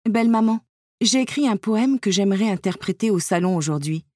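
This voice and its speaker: Gentle, courteous young woman in a storybook; woman narrator voicing her. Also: mid-range voice, animated, brisk, dry recording, clean studio sound, lightly acted.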